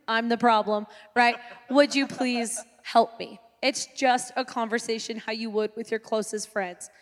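A woman's voice: on the high side, steady tone, a little slow, in a large hall. A woman in her late twenties, a pastor on a panel, talking casually and jokingly. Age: 20s. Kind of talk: panel Q&A chat.

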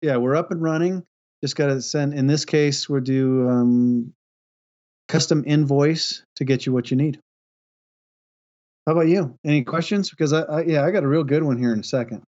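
A man's voice: on the high side, moderate pace, a little mellow. A man co-hosting a podcast in casual, easygoing, joking chat. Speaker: podcast co-host. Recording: slightly dull, lo-fi audio.

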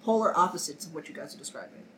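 Low, nasal-sounding woman chatting. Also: big pitch swings, racing, fairly bright tone, a little hiss or hum, low-quality recording. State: nasal from a cold. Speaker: podcast co-host. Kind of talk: casual chat.

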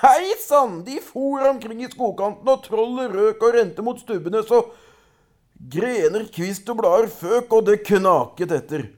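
A man reading a folk tale aloud in a lively storytelling way, with small hesitations. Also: sits high.

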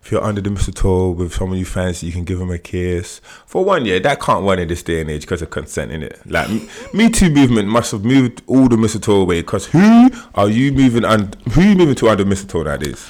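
Podcast co-host: young man, lowish voice with big swoops, London roadman accent, emphatic slangy banter. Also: big pitch swings, fast talker, few pauses, darkish tone. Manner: slangy urban British street talk with emphatic repeats. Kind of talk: casual bantering chat.

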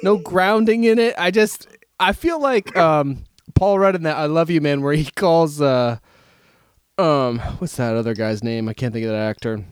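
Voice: mid-range voice, normal speed, clean tone, no echo. A podcast co-host in casual chat, giggly and self-deprecating, rambling with restarts.

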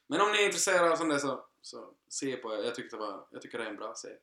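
A man's voice: medium pitch, very animated, pushed and bright. A man co-hosting a podcast in a casual chat, talking in a loose, chatty way with frequent laughs and restarts. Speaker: podcast co-host. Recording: echoey room.

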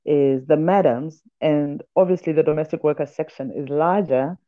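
A woman writer who is a podcast guest, chatting in a lively storytelling way and reading aloud from her book. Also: deep voice, normal speed, phone-quality sound.

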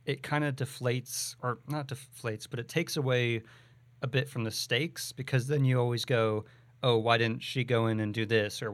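A man's voice: mid-range voice, clear, resonant tone, dry recording. A man co-hosting a podcast, chatting casually about a movie and thinking aloud with many "like"s and "you know"s. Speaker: podcast co-host.

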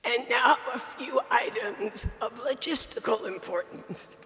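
A speaker with a sultry, raspy, strained dysphonic voice gives a formal, measured ceremonial welcome as a graduation official in a chapel. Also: medium pitch, sing-song, sharp tone. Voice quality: sultry, husky sound. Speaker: university official opening a graduation. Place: large university chapel, speaking to an assembly. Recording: echoey chapel hall, long reverb.

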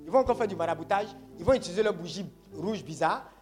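Emphatic high-voiced male preacher. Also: animated, quick pace, over loud music. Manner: call-and-response, asks congregation to say Amen; emphatic, repeats phrases. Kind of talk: sermon.

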